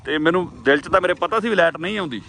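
A man's voice: on the high side, very fast, gravelly, pushed and bright. A young man with a Punjabi accent, chatting casually to viewers as he walks through his village fields, recorded outdoors in the wind on a handheld phone. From Punjab, India. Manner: chatty, addresses viewers as friends. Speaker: village vlogger. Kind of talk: casual vlog narration while walking.

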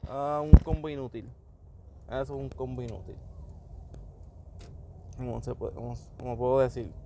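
A man's voice: medium pitch, fairly even intonation, moderate pace, very noisy. A man giving casual commentary on game summons, switching between Spanish and English and reacting to each pull. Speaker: gaming YouTuber.

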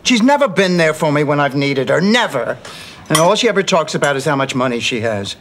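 A dry, sarcastic grown daughter. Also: female voice, sits low, lively intonation, a little fast. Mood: exasperated. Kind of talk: studio sitcom acting. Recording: noisy 1990s TV sitcom audio.

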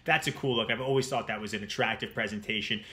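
A man's voice: fairly low pitch, steady tone, quick pace, bright, forceful tone. A young man from New Jersey in a small room at home, giving a rambling, enthusiastic casual review of a fragrance straight to camera. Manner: enthusiastic, rambling, repeats words.

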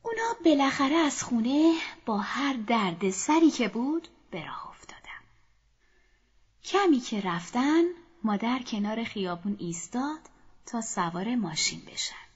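A woman narrating a children's story in a soft, often half-whispered voice, speaking to children, in a dull lo-fi recording. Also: on the high side, very animated, husky.

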